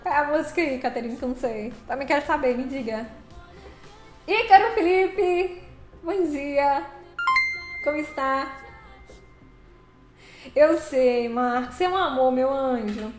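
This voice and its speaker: A woman's voice: high-pitched, measured pace, pauses often, roomy sound, faint music behind. A woman live-streaming a truck game, chatting casually, laughing often and greeting viewers by name.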